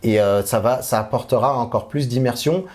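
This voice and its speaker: A man chatting casually about VR gear, quick and enthusiastic with many fillers. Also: mid-range voice, a little mellow. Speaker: guest VR tester. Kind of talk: casual tech chat.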